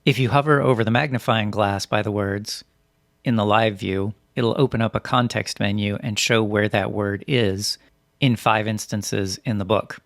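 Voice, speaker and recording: A man reading scripted instructional narration as a software tutorial presenter, in a methodical, step-by-step way. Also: fairly low pitch, steady tone, normal speed, creaky, no room sound, studio quality.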